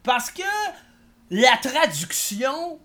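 A guest with a Québécois accent, talking in comedic interview banter with a rambling, hesitant delivery full of fillers and a deadpan, mock-serious way of boasting. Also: medium pitch, drawn-out words. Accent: Québécois French.

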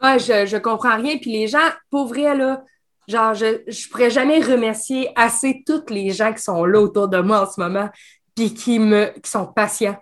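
Laughing Québécoise woman, a little high. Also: moderate pace. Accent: Québécois French. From Quebec. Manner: chatty, laughs often, many fillers. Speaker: guest, escape game creator and streamer. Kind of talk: casual interview chat.

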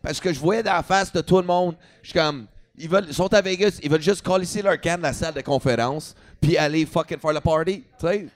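Quebecois comedian guy spinning a story, fairly high voice, loose and swear-heavy. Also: fairly quick, few pauses. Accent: Quebec French. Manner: lively storytelling, switching between French and English, swearing. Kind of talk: storytelling on a talk show.

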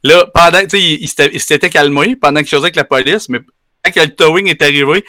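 A man with a Quebec French accent telling a story in casual chat, animated and slangy with lots of fillers. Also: fairly high pitch, fast talker, dry recording, studio quality. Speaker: podcast co-host telling a story.

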